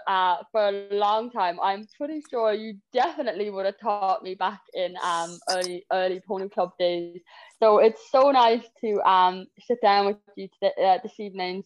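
A woman's voice: mid-range voice, dull audio. A young woman hosting a podcast, effusive and full of fillers. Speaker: podcast host. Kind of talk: podcast interview.

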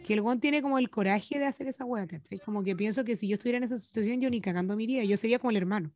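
Young Chilean woman co-host, easygoing and slangy, slightly high register. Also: racing, a little mellow, faint music behind. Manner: slangy, agreeable, backs up her co-host. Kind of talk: casual chat.

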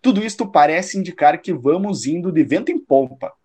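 With a high-ish voice, lively intonation, darkish tone and slight roughness, a man plays a shrewd, confident detective in a radio drama. He sounds patronizing and analytical, probing with a measured, slightly condescending manner.

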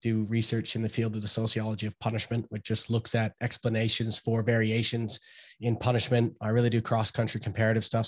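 Casting: Canadian man in his thirties, even and flat in delivery, academic guest. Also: lowish voice. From Canada, Toronto area. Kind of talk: casual interview talk.

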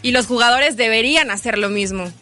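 Bright, skeptical woman pundit. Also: on the high side, faint music behind. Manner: brisk, skeptical retorts. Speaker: sports radio commentator. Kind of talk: heated studio debate. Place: radio studio.

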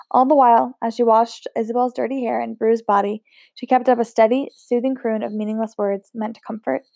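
Woman reading a novel aloud, mellow and dry. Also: a little high, gravelly, dry recording. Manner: steady, unpolished reading with occasional slips and restarts. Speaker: audiobook reader.

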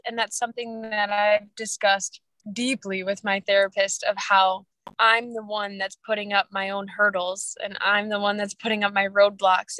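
A woman's voice: mid-range voice, bright, forceful tone, no echo. Reflective young woman, dry close sound. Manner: rambling, reflective. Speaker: podcast co-host. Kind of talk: casual chat.

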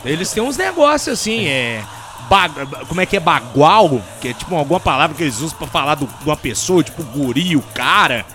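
A man hosting a casual podcast chat on a handheld mic, slangy and lively, often mimicking other voices. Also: fairly high pitch, a little fast, soft background music. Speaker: podcast host. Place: studio table with beer.

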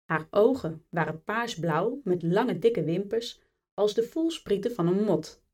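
A woman reading a chapter of a fantasy book aloud as a bedtime story, in a calm and measured way. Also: medium pitch, slightly rough, far from the mic. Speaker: audiobook reader.

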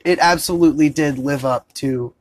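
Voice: medium pitch, moderate pace, no room sound. A podcast co-host in a casual movie review chat, agreeing often and recapping the film. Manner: agreeable, frequent backchannel, recaps.

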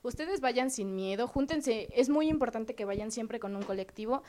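A young woman speaks with a Mexican accent in a relaxed student panel chat. She talks earnestly and encouragingly, and she often pauses on fillers. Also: on the high side. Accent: Mexican Spanish. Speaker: student co-host.

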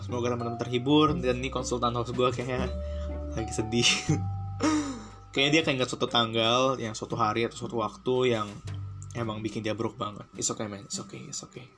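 Slangy podcast host over guitar music. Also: male voice, medium pitch, steady tone, brisk. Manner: slangy, earnest, mixes in English phrases. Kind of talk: casual motivational podcast talk.

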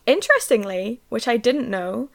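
A woman's voice: on the high side, expressive, normal speed, vocal fry. Blunt, sweary Derry woman chatting casually. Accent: Derry, Northern Irish. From Northern Ireland. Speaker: podcast co-host. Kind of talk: casual banter.

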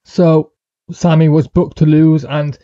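A man's voice: on the high side, little pitch movement, slow, mellow, no echo, dull audio. A male guest co-host giving rambling opinions on wrestling storylines, with frequent hesitations. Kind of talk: casual wrestling review podcast.

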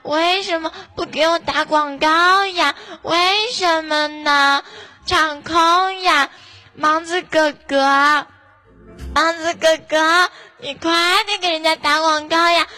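A woman's voice: sits high, measured pace, sharp tone, soft background music. A woman putting on the voice of a coy, whiny young woman who pouts and pleads for favors. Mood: pouty pleading. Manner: pouty, pleading, refers to herself as 人家.

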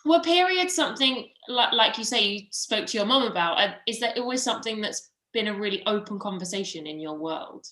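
A woman's voice: medium pitch, expressive, a little fast, hardly any pauses, fairly bright tone. A woman hosting a podcast and interviewing a guest in a conversational way, recorded with a roomy echo. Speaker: podcast host.

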